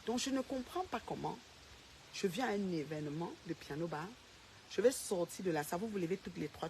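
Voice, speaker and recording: A social media personality with a lowish voice goes on a direct-to-camera rant, calling out her rival by name. She confronts the rival directly and repeats her points emphatically, and a little hiss or hum runs under the recording.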